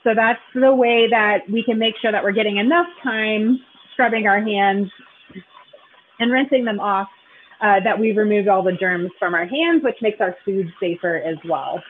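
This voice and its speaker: A woman's voice: medium pitch, normal speed. A woman in her thirties, a sports dietitian, leading a live online cooking demo for kids from a home kitchen, friendly and instructive with frequent "um" fillers. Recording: tinny video-call audio.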